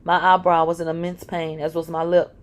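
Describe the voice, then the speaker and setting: A woman's voice: on the low side, little pitch movement, fairly quick. A woman reading a dramatic first-person story aloud, emotional and blunt, with swearing. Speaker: narrator.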